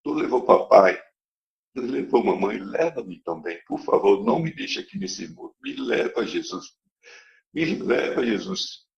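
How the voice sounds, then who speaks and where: A man's voice: fairly low pitch, big pitch swings, unhurried, gravelly, heavily acted. A man voicing an orphaned boy of about ten who begs Jesus in tearful cries. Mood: pleading. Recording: dull lo-fi recording.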